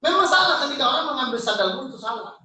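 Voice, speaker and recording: A man preaching a lively, joking sermon to his congregation, calling out to them. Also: very high-pitched, rapid-fire, slight background noise. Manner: lively, jokey preaching with congregation call-outs. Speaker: pastor. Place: church hall. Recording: echoey church hall from far off.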